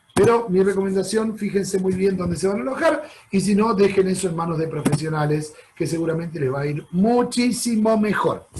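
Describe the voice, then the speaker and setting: A man's voice: sits high, darkish tone, slight background noise, rough recording. A man with a Rioplatense Spanish accent giving a chatty, explanatory travel talk over slides, often checking in with his audience. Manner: chatty, addresses audience as "chicos"; explanatory, frequent "¿ok?" check-ins. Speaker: travel presenter.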